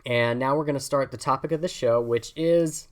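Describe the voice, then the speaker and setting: A woman co-hosting a casual podcast, excitable and giggly as she chats with her co-host. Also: very deep voice, moderate pace. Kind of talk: casual chat. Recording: audio-only podcast.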